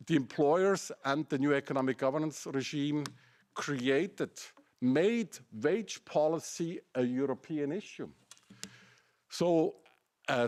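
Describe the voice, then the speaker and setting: Pitched fairly high and slightly mellow, the voice belongs to a middle-aged academic with a German accent presenting at a seminar. His style is argumentative, and he leans on pointed rhetorical questions to make his case.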